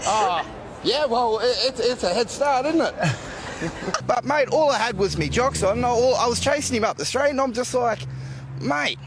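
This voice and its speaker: A man's voice: very high voice, fairly quick, crowd noise. A man with a broad Australian accent telling a casual, matey anecdote as an eyewitness in a live interview. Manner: laid-back, colloquial, matey. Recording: faint outdoor street noise.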